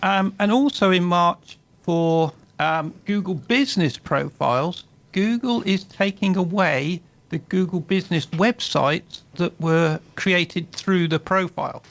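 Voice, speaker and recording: A man's voice: sits high, measured pace, creaky, fairly bright tone. A man, a guest expert on a radio show, explains website updates in a plain, matter-of-fact way and sounds slightly lisped through his microphone.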